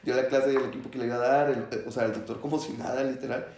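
A man's voice: mid-range voice, fast talker, echoey room. A young man, a student, telling a story in casual chat and acting out the quotes. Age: young adult. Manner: animated storyteller, acts out shouts and quotes.

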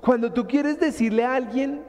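A man in his thirties with a Colombian Spanish accent, preaching a sermon in a lively, colloquial storytelling manner. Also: extremely high pitch, moderate pace. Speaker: pastor. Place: church hall. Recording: hall reverb with soft instrumental music.

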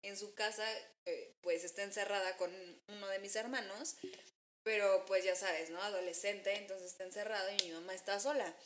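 A young woman with a Mexican accent chatting casually, telling stories and acting out quotes with sudden jumps in pitch. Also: normal speed, reverberant, a little hiss or hum. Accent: Mexican Spanish. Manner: animated storytelling, acts out quotes with jumps in pitch. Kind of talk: casual chat.

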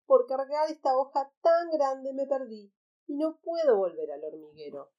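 Woman voicing a small lost ant, high whiny voice, tearful wailing, children's storybook. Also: animated, normal speed, dark tone, dull audio.

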